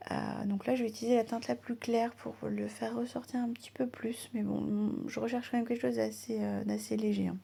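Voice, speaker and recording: A woman hosting her own crafting channel, chatting casually in a voice-over as she works, often slipping into a soft half-whisper. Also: on the high side, creaky, slightly rough.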